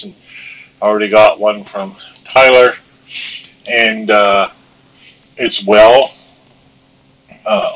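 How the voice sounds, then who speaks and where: A man's voice: on the low side, a bit bright, rough recording. A man with the hiccups giving a live-streamed course tutorial, hesitant and filled with ums and uhs as he walks through his screen. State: has the hiccups. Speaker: online course instructor.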